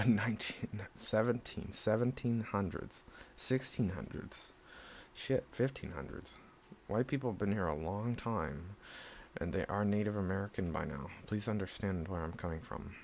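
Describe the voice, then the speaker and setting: In an unhurried monologue, a man from Southern California with a gravelly voice pitched on the low side rambles defensively, cursing and suddenly getting loud. A little hiss or hum can be heard.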